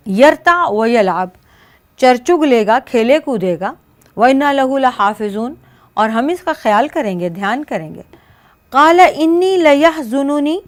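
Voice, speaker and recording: Smooth-voiced woman teaching scripture. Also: fairly high pitch. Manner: recites short scripture phrases, then explains each one in measured steps. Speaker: Quran teacher. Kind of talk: verse-by-verse scripture commentary.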